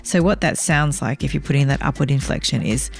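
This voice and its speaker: A woman hosting a podcast, giving speaking tips in a clear, measured, coaching tone. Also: a bass voice. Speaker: podcast host.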